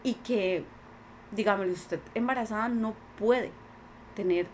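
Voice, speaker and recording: A woman's voice: medium pitch, unhurried, a little mellow, slight background noise. A woman with a Costa Rican accent, a podcast guest, earnestly telling her own life story in conversation and acting out what others said. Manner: earnest, many quoted voices. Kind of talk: personal testimony in conversation.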